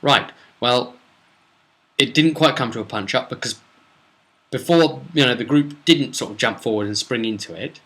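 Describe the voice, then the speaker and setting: A British game master gives a casual, rambling recap of a role-play session in a mid-range, slightly bright voice at normal speed. He often digresses to explain things and quote his characters.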